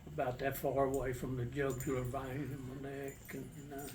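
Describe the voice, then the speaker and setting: An older man, a war veteran, casually recounting his memories in a halting, matter-of-fact, plain-spoken way. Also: mid-range voice, level tone. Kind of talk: casual personal storytelling. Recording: distant mic with faint background noise.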